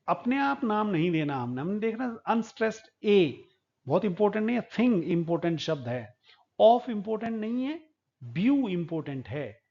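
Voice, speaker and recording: Male teacher, middle-aged, high-pitched, patient and repetitive; dull lo-fi recording. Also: darkish tone. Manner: patient, explains step by step, repeats key points. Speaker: English teacher. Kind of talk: classroom lecture on poetry.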